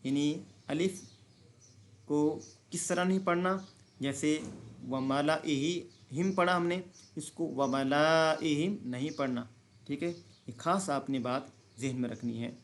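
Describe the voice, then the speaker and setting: A man leads a recitation lesson at a slow, unhurried pace. His voice sits somewhat high for a man, and he draws out each example word. He often asks a question and then answers it himself. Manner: explains rules then recites words slowly and drawn out. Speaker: Quran reading teacher.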